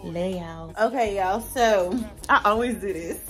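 Soft background music plays as this Southern US vlogger in her thirties talks to her viewers from her bedroom, her mid-range voice at a measured pace. She shows off new purchases in a playful, chatty way, addressing the camera directly.

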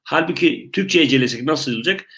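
A man's voice: on the high side, animated, fairly quick, sharp tone. A man with a Turkish accent teaching an online English lesson for beginners, repeating himself and speaking straight to his viewers as friends. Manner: repetitive, addresses viewers as friends.

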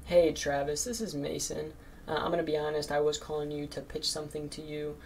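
A teenage man with a gravelly, fry-heavy voice pitches his marketing service on cold calls, with a faint hiss behind him. He talks nervously, filling gaps with "um" and "like". His voice sits at an ordinary pitch for a man. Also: little pitch movement, a little fast. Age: teens. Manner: nervous, lots of fillers like "um" and "like". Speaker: marketing agency owner cold calling. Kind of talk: recorded cold calls and casual commentary.

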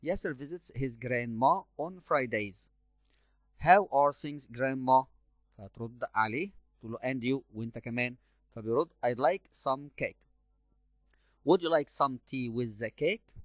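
A man's voice: medium pitch, dry recording. Egyptian man teaching English answers. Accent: Egyptian Arabic. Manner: reads English slowly, then explains in quick Arabic. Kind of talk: exam answer walkthrough.

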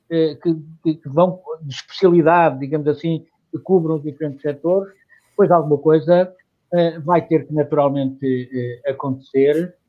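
A man's voice: a little high, narrow, tinny audio. A man as a guest in a live online talk, searching for words and restarting often. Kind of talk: discussion answer.

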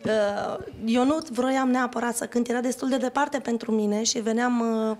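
Female singer guest, high-pitched, anecdotal and laughing in a TV studio chat. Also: steady tone, a little mellow. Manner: laughing, storytelling. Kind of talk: casual interview chat.

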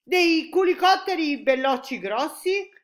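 A woman voicing a big friendly old male giant who mangles his words, speaking loudly and high. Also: expressive, a little slow. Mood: jolly. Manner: loud, high and jolly, muddled grammar.

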